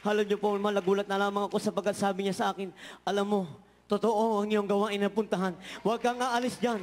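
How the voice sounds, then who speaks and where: A man's voice: high voice, little pitch movement, fast talker. A man giving a fervent church testimony, often repeating "mga mahal" and "hallelujah". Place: large church hall. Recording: hall reverb from church sound system.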